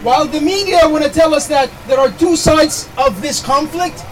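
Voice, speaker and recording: A man's voice: very high-pitched, moderate pace, a little hiss or hum, poor audio. A man giving an impassioned speech at an outdoor protest rally, with heavy repetition and call-and-response. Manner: rhetorical repetition, leads chants. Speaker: rally speaker.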